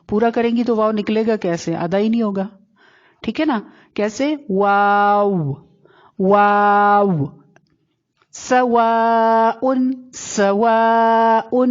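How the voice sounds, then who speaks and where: A woman teaching Quran recitation rules who explains patiently, checks that her students follow, and slowly chants the example words. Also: fairly high pitch, darkish tone, lo-fi sound.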